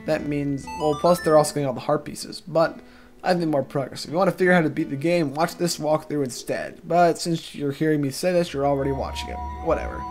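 A man's voice: fairly high pitch, brisk. A man giving casual, joking walkthrough commentary over gameplay, rambling into self-deprecating asides. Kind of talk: casual let's-play commentary. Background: game music.

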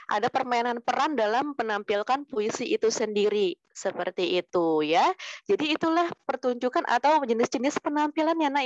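Lady teacher walking kids through poetry reading, gentle and patient, slows right down to sound words out, dry muffled lo-fi audio. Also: a little high, dry recording. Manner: gentle, calls pupils "sayang" and "Nak", slows to demonstrate. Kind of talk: poetry reading lesson for children.

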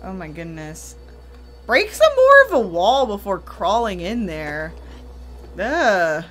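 A woman hosting horror reactions in casual, slow-paced commentary. She is easily startled and gasps and exclaims at the scares. Between them she drifts into little rants, her voice sitting at a middle pitch. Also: big pitch swings, a bit bright, faint music behind. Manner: jumpy, exclaiming, ranting.

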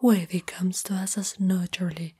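Whispering breathily as a shy young spider monster girlfriend in love, an Italian woman performs an ASMR roleplay with hesitant, intimate tenderness. Her voice is fairly low and dark, fairly even, at a moderate pace, and she sounds tender and anxious.

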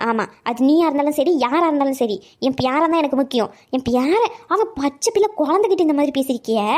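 Woman playing a sharp-tongued cartoon mom, high voice, rattles off her scolding fast. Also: natural voice. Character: fierce young mother, protective and sharp-tongued. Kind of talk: cartoon voice acting.

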